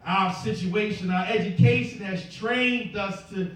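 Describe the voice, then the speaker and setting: A man's voice: high voice, fairly even intonation, measured pace. A man preaching a call-and-response sermon as a minister, his words answered by the congregation. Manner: preaching with rising intensity, building to shouts. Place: church sanctuary. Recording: echoey church heard from a distance with congregation responses. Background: congregation calling back responses.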